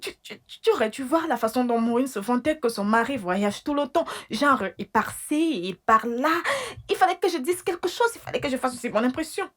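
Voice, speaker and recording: An actress dubbing a boastful wife who schemes to cover a lie, flustered and hushing, for a French film dub. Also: female voice, a little high, lively intonation, normal speed, few pauses, natural voice. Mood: hushed urgent.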